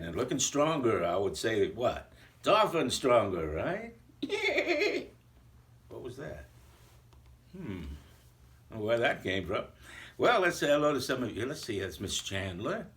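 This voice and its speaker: A man's voice: medium pitch, fairly bright tone. A man playing a jolly old Santa Claus, chatting playfully and rambling a little as he greets a school full of children in a recorded video message.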